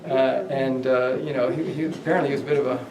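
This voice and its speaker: A man leads a ghost tour through a hotel hallway, telling stories in a rambling way with many fillers and restarts. His mid-range voice is steady and brisk, but he's off-mic in an echoey hallway with a noisy background.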